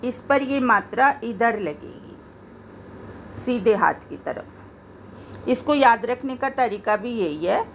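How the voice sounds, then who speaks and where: A woman teaching Hindi spelling, slowly and patiently saying each example word again to show how it sounds. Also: fairly high pitch, expressive, a bit bright, a little hiss or hum. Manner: slow, patient, repeats words to show pronunciation. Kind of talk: explaining grammar to learners.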